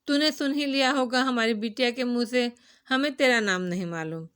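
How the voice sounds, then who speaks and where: A woman's voice: on the high side, a bit bright, smooth, lightly acted. A woman reading a novel aloud, voicing a simple, kindly old village man with rustic, folksy speech.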